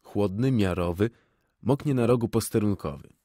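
A man giving a theatrical poetry recitation in a close studio recording, swinging between loud cries and hushed murmurs. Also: lowish voice, normal speed, dry recording. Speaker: poetry reader.

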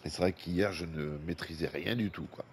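With a low voice moving fairly quickly, a French-accented man plays a video game and reads viewer comments for his gaming YouTube channel. He has a head cold, sounds congested, chats away and breathes heavily at times, while a fan hums faintly by his desk microphone.

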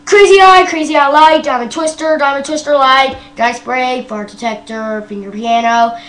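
A woman's voice: high voice, steady tone, moderate pace. A young woman from Canada giving a casual vlog tour of her device, hesitant and full of ums and wells. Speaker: vlogger. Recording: roomy echo with faint hum.

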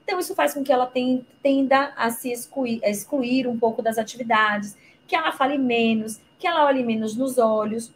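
A woman's voice: fairly high pitch, normal speed, few pauses, slight background noise, rough recording. A woman, a guest speaker who explains her topic patiently, using examples and rhetorical questions. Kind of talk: explanatory talk in a live interview.

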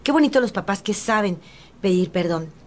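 A woman's voice: mid-range voice, lively intonation, normal speed. A middle-aged woman with a Mexican accent hosting a radio advice talk, speaking to mothers directly in a motherly, counseling way. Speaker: radio host.

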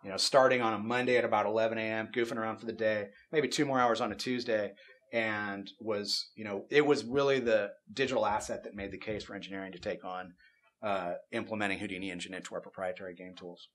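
A middle-aged man casually walking through a software tool demo in an office, explaining as he goes with frequent fillers. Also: on the low side, steady tone, fast talker. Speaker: game studio technical artist demonstrating tools. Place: office at a desk with monitors.

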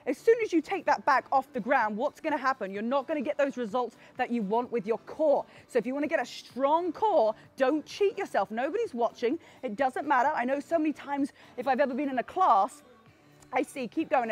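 A woman's voice: high voice, lively intonation, fairly quick. A woman fitness coach talking casually and encouragingly to her class outdoors, addressing listeners directly. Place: outdoors on a backyard pool deck. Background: music.

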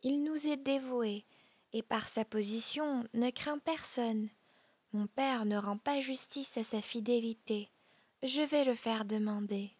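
A woman voicing a passionate young noble Roman woman in a breathy, hushed whispered role-play. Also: fairly high pitch, measured pace, no room sound. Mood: urgent.

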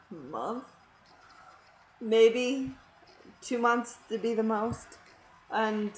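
A woman in her thirties, hyper and giggly, gushing through a casual shoutout vlog. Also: mid-range voice. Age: 30s. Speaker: YouTube vlogger. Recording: roomy echo with faint noise.

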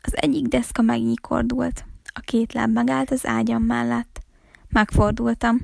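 A woman reading a novel aloud for a library, with calm, steady storytelling. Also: fairly high pitch, gravelly, no room sound, clean studio sound. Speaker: library reader.

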